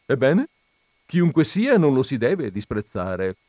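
Brief: man putting on a pompous older widow for a read-aloud story, high and lively, dry close sound. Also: slow, no echo. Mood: coaxing. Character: fussy indignant older widow, a colonel's wife.

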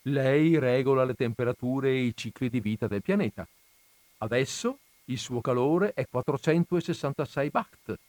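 An easygoing, many-armed alien father who explains things in a chatty, lively voice, as a man reads him. The sound is dry and close. It is a storybook voice. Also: medium pitch, no room sound, natural voice. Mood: explaining.

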